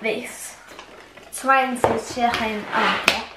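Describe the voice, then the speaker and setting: A young adult woman co-hosts a casual eating vlog, rambling and giggling through chat packed with fillers. Her voice sits on the high side with fairly even intonation, and she talks extremely slowly. The audio is very noisy, recorded in an echoey room with a distant mic.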